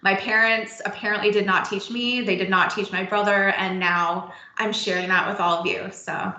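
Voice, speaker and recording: A woman in her thirties, relaxed and self-deprecating, introducing herself as a webinar guest. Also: medium pitch, moderate pace, echoey room, poor audio. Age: 30s. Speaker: guest marketing executive. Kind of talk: casual webinar chat.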